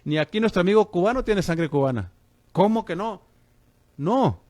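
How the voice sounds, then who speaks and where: A man's voice: high-pitched, animated, normal speed, a little mellow, dry recording. Man, radio pastor, fervent preaching, dry studio sound. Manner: fervent preaching, addresses listeners as brother.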